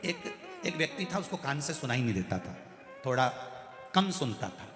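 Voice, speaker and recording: A man's voice: mid-range voice, sing-song, moderate pace, a bit bright. A man preaching a devotional sermon at a large live gathering, telling a folksy, humorous story. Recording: echoey hall with faint music.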